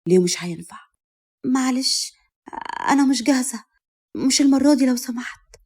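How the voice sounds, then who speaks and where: A woman voicing a shy young bride with an Egyptian accent who speaks softly and pleadingly in an audio story. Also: high-pitched, animated, fairly quick, slightly rough. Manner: pleading, soft.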